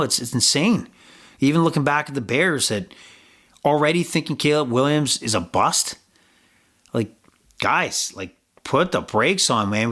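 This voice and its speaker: A man's voice: mid-range voice, fairly bright tone. Male podcast host, loose sports-betting chat, curses freely, meanders between points. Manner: rambling, swears freely, frequent fillers and restarts.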